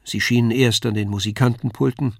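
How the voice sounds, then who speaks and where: A man calmly reading a classic novella aloud. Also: medium pitch, a little fast, creaky, no echo, studio quality. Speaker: reader. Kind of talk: scripted narration of a novella.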